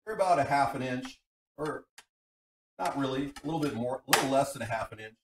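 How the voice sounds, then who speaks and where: This livestream cooking host has a mid-range voice, speaks briskly and is expressive. His delivery is loose and folksy, and he wanders off-topic and pauses to read chat messages. The audio comes from a tinny computer mic placed away from him and picks up background noise.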